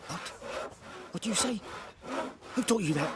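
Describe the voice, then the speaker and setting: Stern village mother voiced by a woman, sharp scolding tone, noisy game track. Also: medium pitch, animated, normal speed, natural voice. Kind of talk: video game dialogue.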